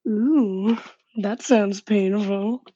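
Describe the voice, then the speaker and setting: A woman's voice: mid-range voice, fairly even intonation, drawn-out words, mellow, no echo. A woman playing a tabletop game, giving short easygoing answers. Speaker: player. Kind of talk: casual tabletop game play. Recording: dull lo-fi.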